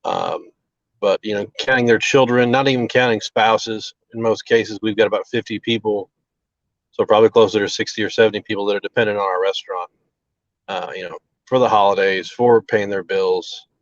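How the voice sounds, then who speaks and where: A man, a restaurant owner, talks in a halting, earnest way full of fillers over a choppy, breaking-up call connection. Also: lowish voice, fairly even intonation, dry recording. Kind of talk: live remote interview. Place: outdoors near a relief center. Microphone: video call over a bad mobile connection. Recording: dull lo-fi call audio, very dry.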